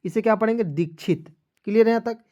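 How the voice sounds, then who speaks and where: Man slowly spelling out words as teacher. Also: sits high, a little mellow. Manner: spells out letters slowly, often checks if viewers understand. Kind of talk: online spelling lesson.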